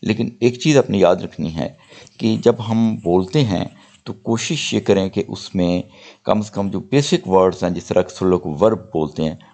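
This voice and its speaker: An older man teaching English grammar, saying example sentences slowly and deliberately. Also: deep voice, a little mellow. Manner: slow deliberate model sentences, explanatory. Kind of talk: spoken grammar lesson.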